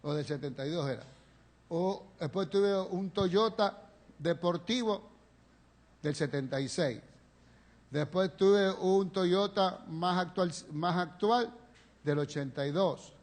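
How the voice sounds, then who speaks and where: A man preaching in a church with a rather high voice. He tells his story with passion, rising to loud pleas and dropping to near-whispered confession. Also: slow. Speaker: pastor. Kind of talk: sermon. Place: church sanctuary, live stream.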